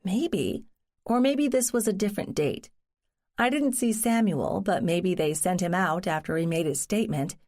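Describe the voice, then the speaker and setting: A woman's voice: lowish voice, moderate pace, darkish tone, close to an everyday voice. Cozy mystery narrator voicing an earnest, wry, determined woman. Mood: uneasy recalling.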